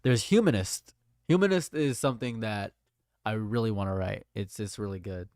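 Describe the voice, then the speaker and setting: A man's voice: lowish voice, normal speed, a little mellow, clear, resonant tone, no room sound, studio quality. A man in his late twenties chatting casually on a livestream, rambling and repeating his phrases. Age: late 20s. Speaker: streamer.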